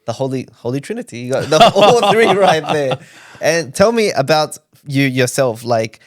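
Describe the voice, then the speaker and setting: A man's voice: fairly high pitch, big pitch swings, normal speed, no room sound. A man hosting a studio podcast interview, upbeat and playful, joking easily with his guest. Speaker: podcast host. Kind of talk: conversational interview.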